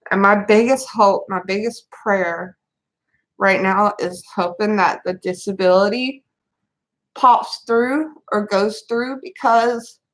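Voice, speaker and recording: A woman talks slowly and haltingly straight to her camera, circling back and restarting her sentences. She is a mother of three on the edge of tears, and her voice sits at a middle pitch throughout her unscripted venting. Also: fairly bright tone, poor audio. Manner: halting, rambling, many restarts. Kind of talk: tearful personal venting to camera.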